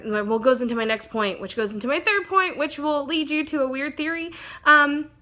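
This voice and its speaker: A woman's voice: high voice, pushed and bright. A woman vlogger talking casually to camera in a chatty, rambling way that often goes off on side tracks.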